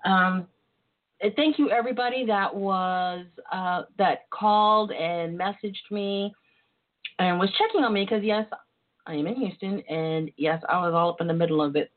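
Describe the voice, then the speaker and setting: A woman's voice: medium pitch, moderate pace. A woman hosting a casual internet radio show with a campy, sassy, bawdy and chatty manner. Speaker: host. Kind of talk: casual solo radio chat. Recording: tinny phone line sound.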